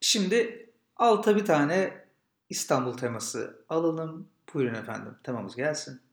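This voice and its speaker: Recorded with a roomy echo and guitar music, a higher-pitched man hosts a podcast, starting with a casual intro and moving into narrating a legend. He's animated and speaks a little slowly.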